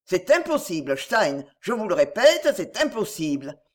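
A woman's voice: medium pitch, sing-song, moderate pace. A woman voicing a noble, middle-aged duke who speaks in an emphatic, insistent, earnest way. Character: noble, warm but commanding duke, middle-aged man.

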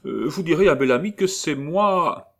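A man's voice: medium pitch, animated, measured pace, pitched above the performer's own voice. A man voicing a pompous, fussy middle-aged notary who speaks sententiously and hesitates with many "euh"s.

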